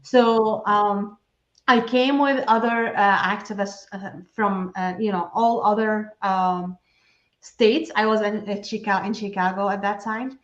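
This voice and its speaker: A woman's voice: mid-range voice, steady tone, a little slow. A middle-aged woman from Syria talks through a video call, earnest and chatty, with plenty of fillers and restarts. Her voice sits in the middle range. The sound is roomy and a little muffled. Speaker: guest, enrolled agent for nonprofits. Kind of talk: casual interview talk.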